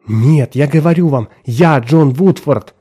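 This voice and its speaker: A man voicing a desperate middle-aged clerk who insists he is alive, pleading and nearly shouting. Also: on the high side, a little slow, slightly rough.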